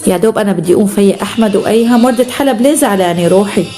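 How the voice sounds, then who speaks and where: A Syrian-accented woman hosts a live stream, reading viewer comments aloud in quick, breezy chatter. She talks fast and calls everyone by sweet pet names. Her voice sits at an ordinary middle pitch. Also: over music. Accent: Syrian Arabic. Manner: affectionate, showers viewers with endearments.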